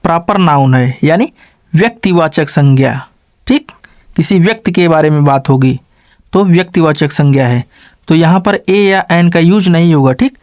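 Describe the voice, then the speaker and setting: A man teaching an English grammar lesson. He asks questions and answers them himself, adds a quick "okay" after every step, and slows down to spell out example sentences word by word. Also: fairly high pitch, animated, a little mellow, no echo, clean studio sound.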